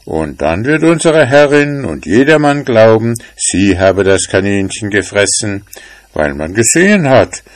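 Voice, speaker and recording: A man's voice: fairly low pitch, very animated, unhurried, voice pushed up. A man voicing a sly, scheming hunting dog in a storybook tale, speaking in a raised, boastful way.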